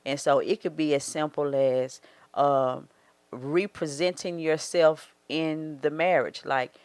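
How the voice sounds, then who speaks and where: Her deep, darkish voice stays fairly even and unhurried as she talks. She's a fortysomething marriage coach with a Southern US accent, earnestly advising in a casual faith-based podcast and acting out quoted thoughts, on a dry recording.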